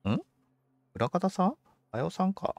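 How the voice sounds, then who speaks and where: A man's voice: high-pitched, big pitch swings, unhurried, vocal fry, darkish tone, no room sound. A man commentating on a game for a livestream, politely musing aloud to himself in casual chat. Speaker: game streamer.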